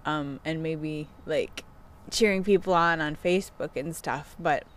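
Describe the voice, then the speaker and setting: Speaking a little slowly in a low-sitting voice, a middle-aged self-help influencer opens up to the camera in a candid, casual way. She offers coaching sessions, and she's filmed on an outdoor wooden deck where clear background noise comes through.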